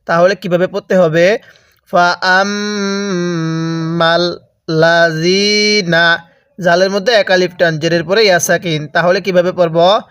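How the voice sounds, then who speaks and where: A Bangladeshi Bengali-accented man gives a step-by-step lesson in Quran recitation, explaining each rule and answering his own questions. His voice is high, and he stretches out the example words slowly. The recording is dry and a little dull. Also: fairly even intonation, dry recording. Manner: explains a rule, then slowly drawls out the Arabic words to demonstrate.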